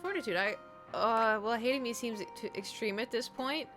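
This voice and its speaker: A woman's voice: a little high, moderate pace, music in the background. A woman giving casual, reactive gameplay commentary, full of exclamations. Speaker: gamer playing on camera.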